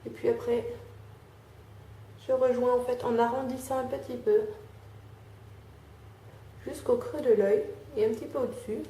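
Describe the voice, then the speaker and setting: Young woman vlogger, chatty and mellow, echoey home room, walks through a makeup tutorial. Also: fairly high pitch, steady tone, a little slow, long pauses. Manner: chatty, fills with "euh" and "hein", talks while applying makeup. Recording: echoey room, faint background noise.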